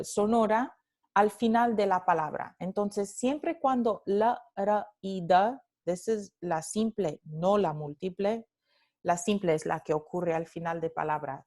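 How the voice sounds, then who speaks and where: A woman gives a recorded Spanish phonetics lecture at a slow, unhurried pace. She moves between Spanish and English as she explains. She repeats example words aloud so students can hear them. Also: medium pitch, darkish tone. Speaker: Spanish language instructor.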